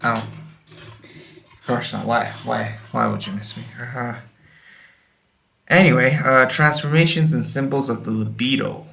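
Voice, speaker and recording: A man's voice: medium pitch, steady tone, measured pace, vocal fry, pauses often, bright, forceful tone. A young man rambling through a horror game, baffled, reading game text aloud as he plays. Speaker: let's play host. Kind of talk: casual gameplay commentary. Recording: distant mic with faint noise.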